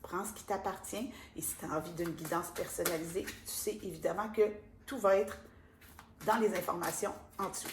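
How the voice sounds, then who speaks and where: A woman with a Québécois accent giving a casual oracle card reading, chatty and gentle, with many fillers. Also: fairly low pitch, steady tone, a little fast. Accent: Québécois French. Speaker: card reader and spiritual guide. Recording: echoey room with faint ambient noise.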